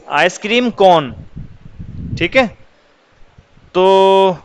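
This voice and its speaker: A man's voice: sits high, lively intonation, a little hiss or hum, poor audio. A male teacher patiently explaining English words for children, asking questions and answering them himself.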